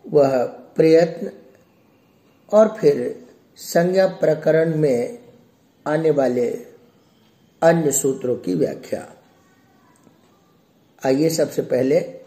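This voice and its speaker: A middle-aged man, a professor, giving a slow, measured classroom lecture on Sanskrit grammar. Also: medium pitch, mellow, echoey room.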